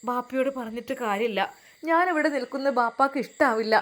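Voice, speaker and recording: A hurt young wife answers timidly and defends herself, played by a woman storyteller. Her voice is fairly high and soft. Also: fast talker, close to an everyday voice. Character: hurt young married daughter.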